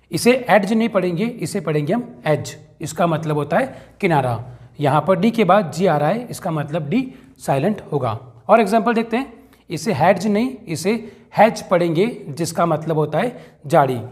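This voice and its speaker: A man's voice: high voice, a little mellow. A man, teaching an English lesson step by step and calling his viewers friends. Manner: explains rules step by step, addresses viewers as friends.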